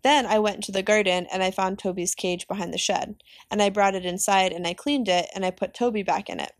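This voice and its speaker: A woman reads a novel aloud for her students, steady and unhurried. Her voice sits in a middle register. The sound is dry and close, with no room around it. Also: medium pitch, dry recording. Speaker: teacher reading aloud. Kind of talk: audiobook reading of a novel.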